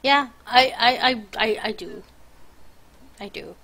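A woman's voice: on the high side, animated, takes it slowly, gravelly, a bit bright. Tired young woman streamer, rambling, teasing, casual live-stream chat. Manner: rambling, teasing, self-interrupting.

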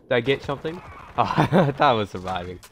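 A man giving casual, excitable commentary while playing a shooter game, swearing and thinking aloud. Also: mid-range voice, quick pace, background noise. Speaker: gamer.

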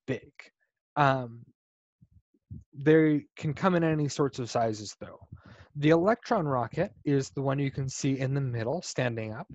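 A man giving a casual slide lecture about rockets on a video call, relaxed and explanatory, with frequent ums and restarts. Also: a little high, no room sound. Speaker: guest speaker presenting on spacecraft engineering. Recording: dull, dry video call audio.

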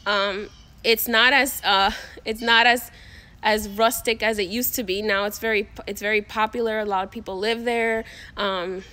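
A young Dominican woman, a spiritual coach vlogger, rambles casually to her phone camera held at arm's length in her backyard, full of fillers and restarts. Her voice is medium-pitched, bright and forceful, with fairly even intonation at a normal speed.

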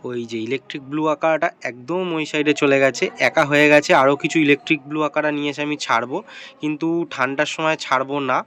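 A young man chatting excitedly to viewers in a casual daily vlog. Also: a little high, clean tone. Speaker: vlogger. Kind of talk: casual vlog chat to camera.

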